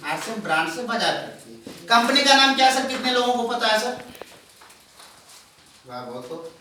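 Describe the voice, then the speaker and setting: A man with a bright, forceful voice gives a sales seminar and calls his listeners "sir" again and again. He keeps quizzing the audience. The recording is very echoey, and he sounds far from the mic. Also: extremely high pitch, very animated, normal speed, a little hiss or hum. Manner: calls listeners "sir" often, asks them questions. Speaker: presenter. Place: large echoing room with an audience.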